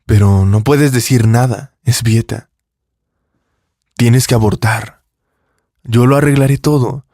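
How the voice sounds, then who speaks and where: A man's voice: medium pitch, steady tone, slow pace, warm tone, dry recording, studio quality. A man playing a rich, arrogant young businessman who speaks in a dismissive, controlling way. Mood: cold.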